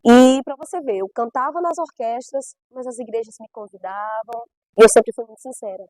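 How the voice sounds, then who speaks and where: A woman's voice: on the high side, normal speed, a little mellow, dry recording, rough recording. Emphatic woman from Brazil's Northeast. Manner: emphatic storytelling with repeated phrases. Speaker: guest gospel singer. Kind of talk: personal testimony.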